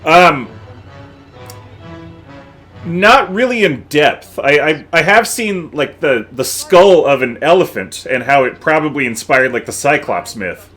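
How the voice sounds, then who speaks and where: A man's voice: on the high side, lively intonation, measured pace, a bit bright, soft background music. A man co-hosting a casual movie commentary, laughing often and restarting sentences. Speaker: co-host.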